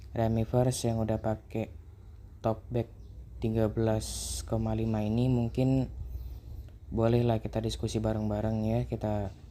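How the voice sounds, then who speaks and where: A man's voice: mid-range voice, slight background noise. A man, chatting casually as a vlogger about his experiences with an app. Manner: relaxed, conversational explaining. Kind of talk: casual chat.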